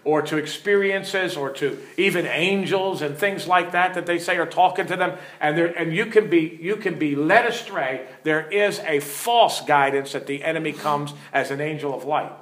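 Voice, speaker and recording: A middle-aged pastor teaching earnestly from the pulpit, weaving in stories and turning to his listeners with questions. His voice sits a little high for a man, and it rings around an echoey room. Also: moderate pace, hardly any pauses, a bit bright. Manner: earnest, storytelling, asks the audience questions.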